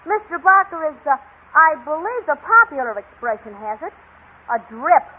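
A woman's voice: high-pitched, sing-song, moderate pace. A woman playing a pedantic, long-winded twelve-year-old genius boy in a 1940s radio drama. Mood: pompous. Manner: long-winded, lecturing with big words. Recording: tinny old radio broadcast.

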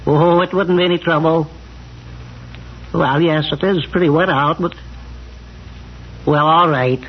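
An actor playing an absent-minded, rambling country animal doctor in an old radio comedy. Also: male voice, fairly high pitch, fairly even intonation, measured pace. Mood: polite. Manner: rambling, distracted, throat-clearing, repeats himself. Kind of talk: 1940s radio comedy-drama acting. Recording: dull, noisy old radio recording.

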